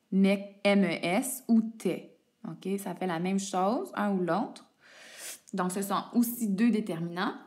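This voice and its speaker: A woman teaching a spelling lesson, her voice a little higher than most. She is patient and methodical, spelling out words letter by letter as she explains. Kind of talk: explaining French homophones to a student.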